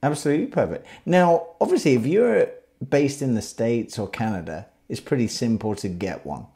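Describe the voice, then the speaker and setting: A man's voice: mid-range voice, expressive, moderate pace, mellow. A man hosting a casual interview, asking questions in a chatty, upbeat way. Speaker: podcast host.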